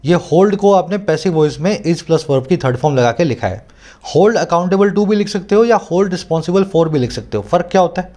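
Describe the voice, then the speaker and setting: A man's voice: high-pitched, a little mellow. A man teaching English, explaining a newspaper editorial in Hindi with English terms and an Indian English accent, often checking that the learner understands. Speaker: English tutor.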